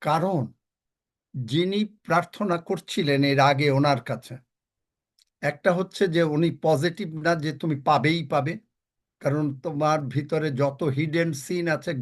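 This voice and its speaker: A male preacher with a somewhat high voice delivers a sermon. He slips English phrases into his talk and slows down on scripture. He repeats lines for emphasis and questions his listeners directly. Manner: asks the congregation questions directly.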